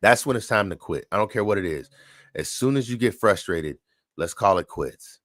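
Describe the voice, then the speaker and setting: A man hosting a casual livestream, chatting and answering viewers' dog training questions, relaxed and repeating his points. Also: on the low side, normal speed, no room sound, studio quality.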